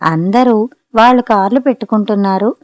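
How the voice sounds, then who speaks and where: A woman's voice: mid-range voice, fairly quick, no echo, studio quality, lightly acted. A woman reader voicing a playful, stubborn young wife who coaxes and wheedles, in a storybook reading. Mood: boastful. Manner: coaxing, wheedling.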